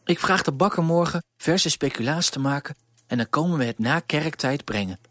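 A man voicing a kind, motherly baker's wife in a storybook reading, gently scolding and warm-hearted. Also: a little high, expressive, normal speed, no room sound, studio quality.

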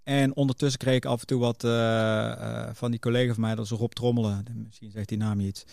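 A man's voice: mid-range voice, level tone, brisk, vocal fry, darkish tone, no echo, clean studio sound. Middelbare man, losse verteltrant, droge opname. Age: middle-aged. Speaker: podcast guest, music booker. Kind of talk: casual interview, telling career anecdotes.

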